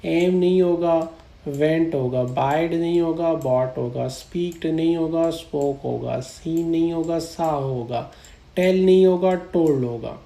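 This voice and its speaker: A male English teacher walks through grammar slides at an unhurried, deliberate pace. His voice is mellow and soft-edged, and the room gives it a noticeable echo. He reads example sentences slowly and keeps checking that the listener follows. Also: fairly high pitch, creaky. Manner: repeats "right?" and "theek hai" to check in. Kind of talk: grammar lesson explaining slides. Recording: echoey room.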